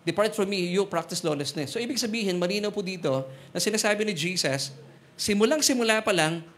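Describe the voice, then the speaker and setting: A man with a Filipino accent preaching a sermon, mixing Tagalog and English, joking with the congregation and slowing down on Bible verses. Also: high-pitched, expressive, fairly bright tone. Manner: switches between Tagalog and English, jokes with congregation; slows to stress Bible verses. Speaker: pastor. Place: church hall.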